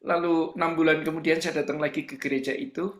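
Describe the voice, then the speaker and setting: A male pastor preaching in an animated storytelling style, acting out the dialogue as he goes. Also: fairly high pitch, quick pace, roomy sound. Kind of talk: storytelling sermon.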